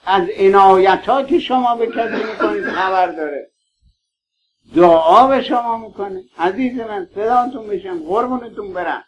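High-voiced pleading male preacher, lo-fi. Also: a little hiss or hum. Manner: pleading, affectionate appeals to listeners. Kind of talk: mourning sermon. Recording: dull lo-fi recording.

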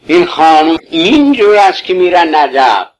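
An older man with a somewhat high voice tells an emotional religious story. He speaks fervently and pleadingly, slipping into everyday colloquial phrasing. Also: very animated, low-quality recording. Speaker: bereaved husband recounting his late wife.

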